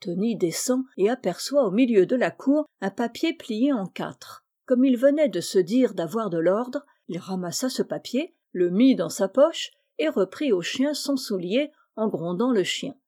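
A woman narrating a classic children's story as an audiobook, in a measured, expressive manner. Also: medium pitch.

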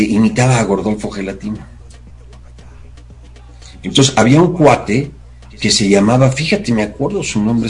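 A middle-aged man with a Mexican accent, a talk show guest telling childhood stories in a casual, animated way and acting out voices. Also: fairly low pitch, poor audio. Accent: Mexican Spanish. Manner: animated, acts out voices in his anecdotes. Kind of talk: casual storytelling chat.

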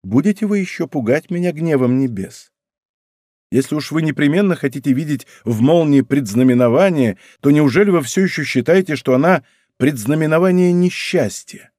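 A man voicing a gallant young king, speaking in soft, tender tones in an audiobook reading. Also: a little high, animated, normal speed, no echo, studio quality. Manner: soft, tender murmurs turning firm.

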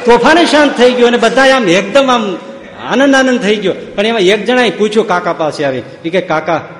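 A man's voice: high voice, expressive, fairly quick, a crowd in the background, background noise. A man giving a spiritual discourse, telling stories and firing off sarcastic, humorous rhetorical questions. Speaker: preacher. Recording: echoey hall.

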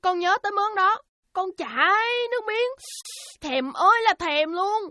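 A woman's voice: very high voice, lively intonation, unhurried, bright, forceful tone, dry recording, exaggerated voice. A woman voicing a sick young boy, whining and pleading. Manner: whiny, pleading. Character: sick young boy who craves frog meat.

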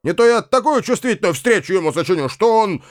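A man's voice: sits high, sing-song, no echo, pitched above the performer's own voice. A hot-tempered older country squire bellows and grumbles in a raised, swooping voice, as a man reads him aloud. The sound is dry and close, an audiobook scene. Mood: rueful, hearty. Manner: blustering, shouting, quick to temper. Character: irascible older male provincial landowner. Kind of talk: audiobook character voice.

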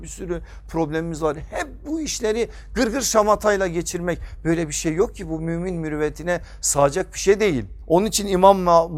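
A man delivering a sermon at a pulpit microphone as a preacher, emphatic, repeating phrases and posing rhetorical questions that he answers himself. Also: high voice.

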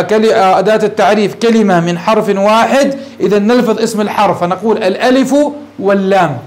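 A man teaching an Arabic grammar lesson, asking his class questions and answering them himself, calling his listeners dear ones. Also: high-pitched. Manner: mixes formal Arabic with colloquial asides.

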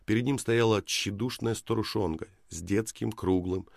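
A man narrating an audiobook in a measured storytelling manner. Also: fairly low pitch, vocal fry, no room sound, studio quality. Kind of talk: scripted narration.

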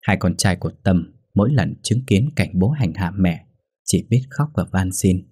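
A man narrating a dark story in a grave, measured voice. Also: low voice, animated, breathy edge, dry recording, clean studio sound.

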